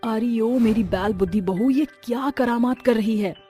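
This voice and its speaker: A haughty modern mother-in-law, as a woman voices her, scolds in a scornful, somewhat raised voice. Soft music sits behind this cartoon narration. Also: fairly high pitch, moderate pace, lightly acted.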